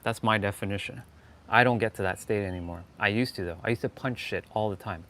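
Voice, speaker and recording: With a fairly low, slightly bright voice and a somewhat quick delivery, a man from Toronto speaks insistently in an impromptu motivational livestream rant, repeating phrases to stress them. His accent is Canadian, and outdoor noise is clearly heard.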